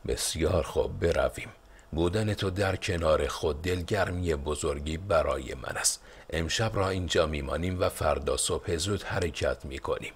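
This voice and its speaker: A man's voice: a bass voice, slightly rough, exaggerated voice. A man playing a stern, decisive rebel leader and father in an audiobook. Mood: resolute.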